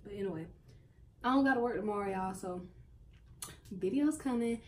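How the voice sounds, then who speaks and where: A woman's voice: medium pitch, normal speed, darkish tone. A young woman in her late teens, chatting casually to her viewers at home in a slangy, direct way. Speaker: vlogger. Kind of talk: casual vlog chat.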